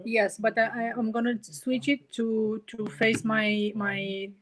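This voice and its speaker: A woman's voice: on the high side, level tone, slow pace, poor audio. A Romanian woman in her forties, a guest artist, chatting hesitantly on a video call from her phone, searching for English words. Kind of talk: casual video-call chat.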